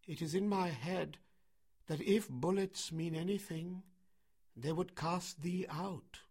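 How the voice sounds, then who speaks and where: A man voicing a wise, composed wolf in a story, calm and measured. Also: high voice, breathy edge, voice pushed up, exaggerated voice. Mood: composed, wry.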